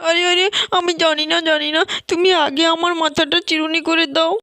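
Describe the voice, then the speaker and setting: A woman's voice: level tone, a little fast, bright, forceful tone, no echo. A woman voicing a fretful little girl with lice in her hair, whining and complaining in a doll story. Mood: bossy whining. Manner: whiny, complaining, high-strung. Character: little girl with an itchy, lice-ridden head.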